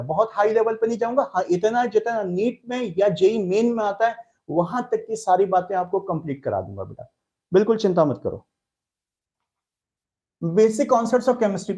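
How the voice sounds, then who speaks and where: A man's voice: high-pitched, mellow. A man with an Indian accent teaching a live online chemistry class, answering students' chat messages in a fatherly, reassuring way.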